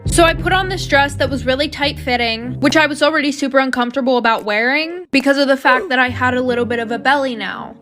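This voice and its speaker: A synthetic text-to-speech female voice, reading a story aloud in an even, machine-read delivery. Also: sits high, fast, hardly any pauses. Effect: synthetic text-to-speech robot voice. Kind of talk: scripted story narration. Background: loud background music.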